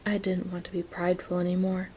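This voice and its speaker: A woman whispering a story in a soft, gentle ASMR reading, taking her time. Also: fairly low pitch, monotone, fast talker, slight background noise. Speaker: reader of an audiobook-style story.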